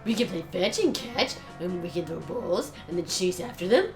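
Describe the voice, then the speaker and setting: Woman playing an excitable, puppyish young jock guy. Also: on the low side, moderate pace, soft background music. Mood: excited. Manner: earnest, excitable, simple. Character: dim, eager, puppyish young male jock. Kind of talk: in-character tabletop game role-play.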